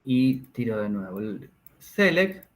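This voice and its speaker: A man's voice: medium pitch, very animated, takes it slowly. A man teaching a class, explaining each step and checking in with his students. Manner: explains step by step, checks understanding with tag questions. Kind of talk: classroom lesson.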